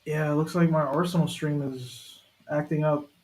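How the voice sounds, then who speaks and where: A man's voice: on the high side, fairly even intonation, moderate pace, darkish tone. A man hosting a live football watch-along, chatting casually and talking straight to his viewers. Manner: chatty, talks directly to viewers. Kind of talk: casual live match commentary.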